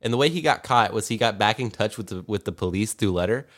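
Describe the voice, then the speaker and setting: A man's voice: lowish voice, fast, fairly bright tone. A man hosting a podcast in casual comedic banter, rambling along in a joking, mock-serious way. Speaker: podcast host.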